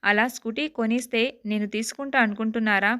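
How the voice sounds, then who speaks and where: A woman's voice: fairly high pitch, steady tone, a little fast, a bit bright, clear, resonant tone, close to an everyday voice. A woman voicing a feisty young working woman who scolds and complains in exasperation. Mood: angry indignant.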